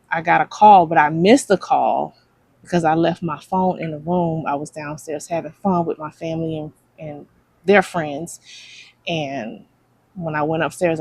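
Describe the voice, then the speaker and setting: A woman's voice: sits low, creaky, breathy edge, no room sound. A woman in a casual chat, telling how she met her partner.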